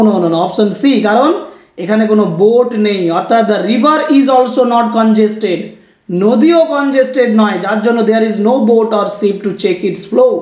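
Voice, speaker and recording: A man teaching an exam-prep lesson, reading each English question slowly and then explaining it quickly in Bengali. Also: high voice, darkish tone, roomy sound.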